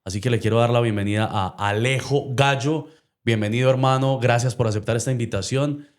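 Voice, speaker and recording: Friendly Colombian podcast host. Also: male voice, medium pitch, a little fast. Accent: Colombian, from Medellín. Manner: friendly, enthusiastic questioning. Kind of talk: casual interview chat.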